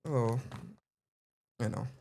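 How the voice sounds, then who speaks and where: A young man hosting a casual livestream, playful and animated, talking straight to his chat. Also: mid-range voice, very slow, gravelly. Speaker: livestream host.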